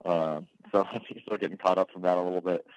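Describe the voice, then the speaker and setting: Tired young male driver, deep voice. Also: fairly even intonation, fast talker, no room sound, lo-fi sound. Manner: modest, thoughtful answers. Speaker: guest race car driver. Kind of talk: phone interview.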